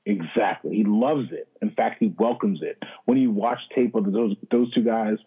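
A man's voice: fairly low pitch, normal speed, husky. A man co-hosting a sports podcast, making emphatic, preachy points in casual talk. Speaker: podcast co-host. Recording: tinny phone-like line.

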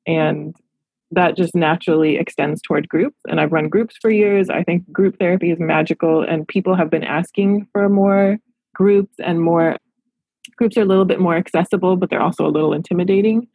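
Woman, 30s, therapist, reflective, husky, gravelly, dry close sound. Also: lowish voice, moderate pace, a little mellow, dry recording, low-quality recording. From Los Angeles. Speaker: therapist and practice owner. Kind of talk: podcast interview answers.

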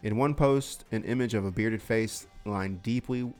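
A man's voice: lowish voice, measured pace, darkish tone, faint music behind. A man hosting a casual comedy podcast, rambling, laughing easily and swearing. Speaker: podcast host.

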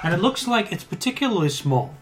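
A man running a tabletop game as game master, improvising scene descriptions in a halting way, rephrasing as he goes. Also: high voice, very animated, heavy background noise.

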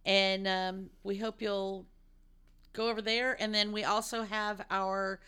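A woman co-hosting a casual podcast, wrapping up the show in a relaxed, friendly way. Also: medium pitch, a little slow, clean tone. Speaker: podcast co-host. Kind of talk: casual chat.

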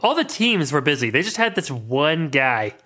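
Man co-host reading out the adventure book, bright voice, deadpan quips. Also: fairly high pitch, normal speed. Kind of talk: casual chat and read-aloud narration.

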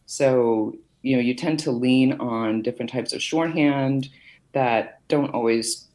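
A woman's voice: a bass voice, unhurried, dark tone, low-quality recording. A middle-aged woman from Massachusetts, a podcast guest telling her career story in a chatty way with many fillers. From Massachusetts, USA. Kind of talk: conversational interview.

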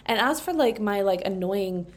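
A young woman in her twenties hosts a casual solo podcast indoors, talking into a microphone propped on a table. She's stuffed up from allergies and rambles chattily with plenty of fillers, her medium-pitched voice lively in intonation at a moderate pace.

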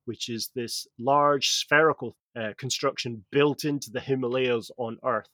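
A man's voice: medium pitch, steady tone, unhurried, fairly bright tone, no room sound. A man hosting a casual podcast chat, explaining game lore in a rambling way with many fillers and restarts.

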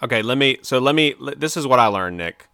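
Animated man, bright dry voice. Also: mid-range voice, fast, no room sound. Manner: animated, opinionated, playful. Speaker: podcast co-host. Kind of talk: casual chat. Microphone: remote video call.

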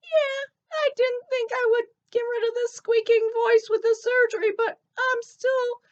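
A woman voicing an earnest young female elephant puppet with a squeaky voice, telling a story eagerly. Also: steady tone, unhurried, muffled recording.

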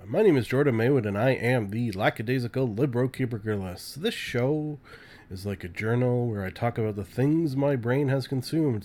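A man's voice: medium pitch, dark tone. A man with a cold hosting his own podcast, rambling and self-mocking through movie reviews with lots of filler. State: sick, voice deepened by illness. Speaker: podcast host. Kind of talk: casual solo podcast talk.

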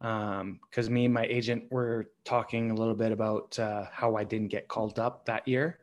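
A man in his thirties, a former pro hockey player, telling his story as a podcast guest in a halting way with many pauses. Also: on the low side, level tone. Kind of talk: conversational storytelling.

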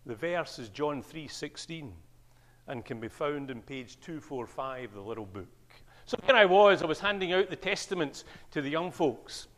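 An older man with a Scottish accent preaching a sermon in a church, telling stories with lively swings in pitch. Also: moderate pace. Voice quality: animated storyteller, wide pitch swings on quoted speech. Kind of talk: sermon with anecdotes.

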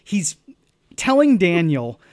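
A man's voice: sits high, sing-song, slow pace, a little mellow, no room sound, studio quality. A man co-hosting a casual movie podcast, rambling with lots of fillers and restarts. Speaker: podcast co-host. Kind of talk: casual movie-review chat.

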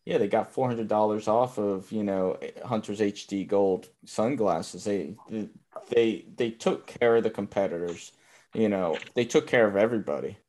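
Easygoing man with a lowish voice. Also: moderate pace, warm tone. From Miami, Florida. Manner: easygoing, says "you know" often. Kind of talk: casual chat.

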